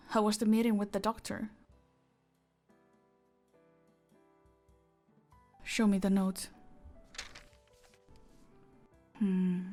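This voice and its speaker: In an intimate audio roleplay, a woman plays a possessive, teasing mafia boss, sounding commanding and often slipping into breathy whispers. Her mid-range voice is a little mellow, and she comes across as composed and attentive.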